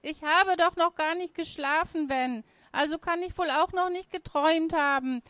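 A woman doing a high, urgent frightened young girl. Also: moderate pace, a bit bright, dry recording.

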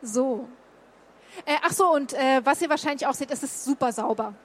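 High-voiced chatty woman from Berlin. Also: normal speed, a little hiss or hum. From Berlin, Germany. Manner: chatty, many fillers and restarts. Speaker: guest telling of a stay in Japan. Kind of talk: casual talk showing slides.

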